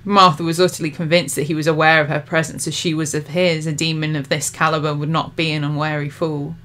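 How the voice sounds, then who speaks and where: A woman narrating her own novel in an expressive, measured storytelling manner. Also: sits low. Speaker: author reading her novel. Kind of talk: audiobook narration.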